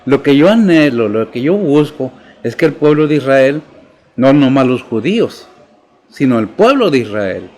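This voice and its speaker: A man's voice: mid-range voice, darkish tone. A male pastor, preaching and posing questions to the congregation. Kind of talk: sermon.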